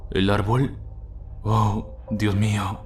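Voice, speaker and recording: Desperate, pleading mother in a horror tale, voiced by a deep-voiced male narrator. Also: flat delivery, drawn-out words, slight background noise. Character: frightened pleading mother, adult woman.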